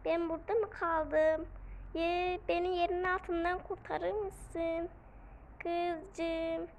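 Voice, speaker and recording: Very high-pitched excitable female gamer. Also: slow pace, a little hiss or hum, rough recording. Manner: playful, excitable, shrieks and counts aloud. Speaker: gaming video creator. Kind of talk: casual gameplay commentary. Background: game music.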